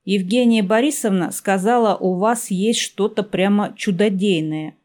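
A woman voicing a fussy young customer who speaks in a peevish, exclaiming way, a bit higher than her narration. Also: a little slow, darkish tone, lightly acted.

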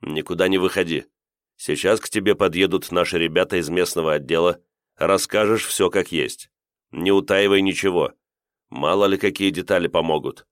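A man reading an audiobook, voicing a gruff, irritated male KGB chairman who gives curt, commanding orders over the phone. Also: low voice, normal speed, no echo, clean studio sound, natural voice. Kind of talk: audiobook character voice.

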